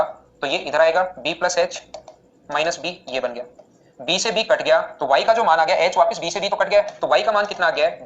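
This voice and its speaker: A man teaching maths in a live online class, explaining steps rapidly and repeatedly asking students questions. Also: fairly high pitch, dull audio.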